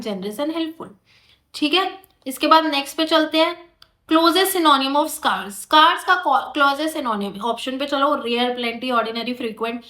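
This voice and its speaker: Young woman teacher, high voice, patient informal explaining, echoey room. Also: sharp tone. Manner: explains patiently, addresses students informally, reads English slowly. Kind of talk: exam-prep vocabulary lecture.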